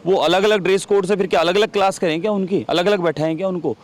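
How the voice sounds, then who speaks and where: A man's voice: high voice, fairly even intonation, fast talker. A man giving a heated interview as a legislator, combative, repeating rhetorical questions.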